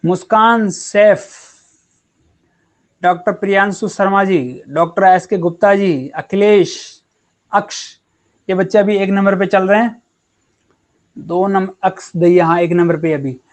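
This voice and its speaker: High-voiced, chatty male chemistry teacher. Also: unhurried, long pauses. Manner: chatty and encouraging, calls students beta and yaar. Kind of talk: casual online class teaching.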